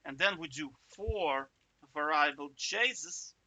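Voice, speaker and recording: A man with a highish, expressive voice talks slowly, his tone bright and forceful. He's a coding tutor giving a casual, chatty walkthrough, thinking aloud, interrupting himself with jokey asides and checking in with the viewer by asking "right?" often.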